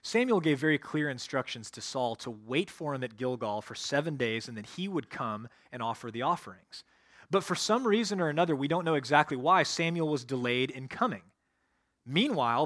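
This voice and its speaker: Man, pastor, sermon, higher-pitched voice, reads scripture then explains it. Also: expressive, normal speed, a bit bright, no room sound, clean studio sound. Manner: expository preaching, reading scripture aloud and explaining it.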